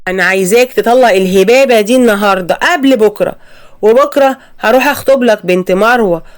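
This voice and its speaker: A snobbish older mother-in-law from an animated Egyptian story, put on by a woman narrator. She talks quickly and scornfully, with an Egyptian accent and a mid-range voice. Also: medium pitch, close to an everyday voice. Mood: sneering. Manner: scolding, contemptuous.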